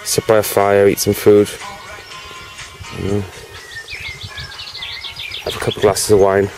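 A man's voice: lowish voice, completely flat delivery, unhurried, darkish tone, faint music behind, low-quality recording. A British man chatting casually on his own channel, rambling and peppering his talk with "you know", at times with a cigarette in his mouth. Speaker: vlogger.

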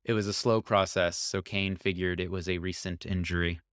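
A man reading a short science fiction story aloud as narrator, calm and even, on a close mic. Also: low voice, normal speed, clean tone, no room sound. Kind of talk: scripted narration.

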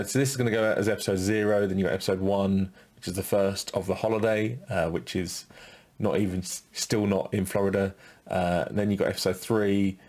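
A man co-hosting a podcast, talking in a relaxed, halting way as he thinks aloud. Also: low voice. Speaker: podcast co-host. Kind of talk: casual podcast commentary.

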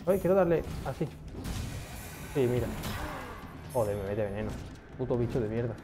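A young man giving casual gameplay commentary, excitable, swearing often and talking to himself as he plays. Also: medium pitch, normal speed, music in the background. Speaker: gaming streamer.

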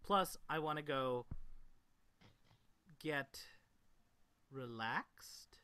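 A man's voice: medium pitch, animated, drawn-out words, pushed and bright, slight background noise. A man hosting a crude comedy quiz show, reading questions with showy flair and teasing players with profanity. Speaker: game show host.

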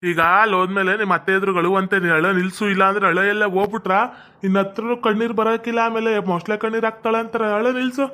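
A man playing a fussy middle-aged village father in a comedy sketch, coaxing and monotone. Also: high-pitched, quick pace.

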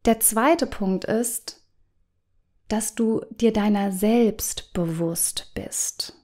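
A woman coach hosting a podcast, speaking to the listener in a gentle, guiding way, sometimes letting phrases sink to a soft whisper. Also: medium pitch, drawn-out words. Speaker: business coach and podcast host.

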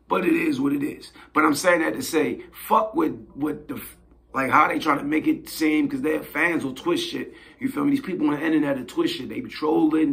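A hoarse man hosting his own show, giving blunt, slangy casual commentary and often asking "you feel me". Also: fairly high pitch, a bit bright. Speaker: host.

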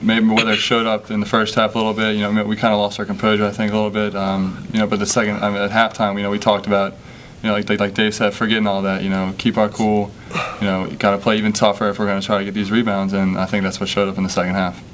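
Young man, low monotone voice, halting, fillers, faint room hum, postgame press conference. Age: young adult. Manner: halting, many fillers and restarts. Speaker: college basketball player. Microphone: table microphone.

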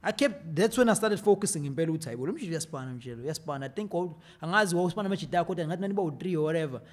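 Fast-talking man, slightly high voice. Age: 30s. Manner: fast, animated, mixes English with Zulu. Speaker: guest. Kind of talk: casual podcast conversation. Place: dark studio set. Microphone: desk mic on boom arm.

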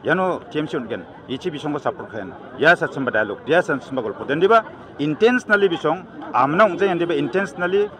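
A fast-talking, animated man with a fairly high pitch, middle-aged and with a Northeast Indian accent, answers reporters as a political candidate in a combative, emphatic press interview, with English mixed in. It takes place outdoors at an evening gathering; news mics are held close, and the noise of a busy crowd carries behind his voice.

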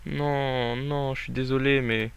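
A young man giving jokey, excitable let's play commentary, talking to the game as he plays. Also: mid-range voice, takes it slowly, vocal fry, a little hiss or hum. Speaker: gaming YouTuber.

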